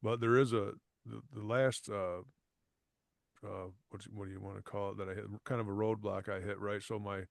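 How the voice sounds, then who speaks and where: A man chatting casually on a podcast, halting and full of fillers, often clearing his throat. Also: lowish voice, flat delivery, no echo. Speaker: podcast co-host. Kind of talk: casual chat.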